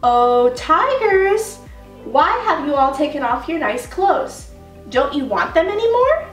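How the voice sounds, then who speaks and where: A high, earnest little boy pleads politely and timidly in a read-aloud storybook, voiced by a woman. The room rings with echo and the mic sits at a distance. Soft music plays quietly underneath. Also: moderate pace, lightly acted. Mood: calling out.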